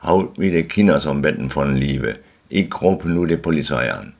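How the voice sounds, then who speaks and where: A man's voice: extremely low pitch, normal speed, gravelly, heavily acted. A man voicing a grumpy, stubborn middle-aged householder, in a read-aloud story.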